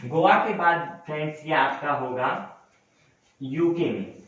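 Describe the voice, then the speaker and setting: A man's voice: on the high side, slow, a bit bright, slight background noise. A young man teaching a coaching lesson, repeating points and correcting himself as he addresses students as friends. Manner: repetitive, self-correcting, addresses viewers as friends. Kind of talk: classroom lecture. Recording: very echoey room, distant mic, dull sound.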